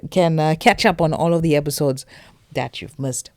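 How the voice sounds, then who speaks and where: With a voice that sits low and a normal speed, a Durban Indian English–accented woman from South Africa talks listeners through money matters on her podcast. Her delivery is emphatic, conversational and direct, and the studio sound is clean with no echo.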